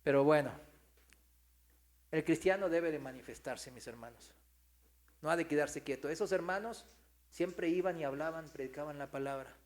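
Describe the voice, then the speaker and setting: Pastor guy preaching in church, kinda high voice, goes loud then quiet, keeps asking the people questions. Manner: swings between loud preaching and quiet storytelling; asks the congregation rhetorical questions. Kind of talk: sermon.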